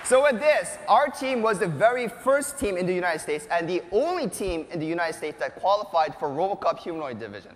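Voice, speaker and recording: A faint crowd can be heard as a high-pitched man talks a little fast, barely pausing. An enthusiastic robotics researcher in his thirties, he presents a live keynote tech demo on a large indoor conference stage as an animated showman, recorded via lapel mic in an echoey, long-reverb hall.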